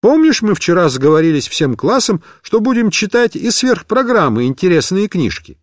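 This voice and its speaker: A man's voice: high-pitched, big pitch swings, moderate pace, no echo, studio quality, pitched above the performer's own voice. A man reading a story aloud and voicing a stern, irritable woman schoolteacher who scolds and insists on answers. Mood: scolding.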